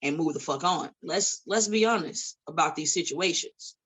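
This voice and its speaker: Her voice is deep, a bit bright and slightly rough, moving at a moderate pace. She's in her late thirties, an independent wrestler on a podcast as a guest, seated at a studio table for a casual conversation full of swearing, bluntness and preachy asides.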